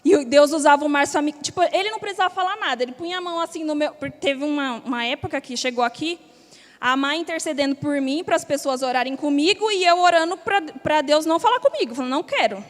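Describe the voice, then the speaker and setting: High-voiced woman in a reverberant hall. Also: quick pace. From Brazil. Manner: candid, slangy storytelling. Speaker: church member giving testimony. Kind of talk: personal testimony. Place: church hall. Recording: long reverb of a church hall.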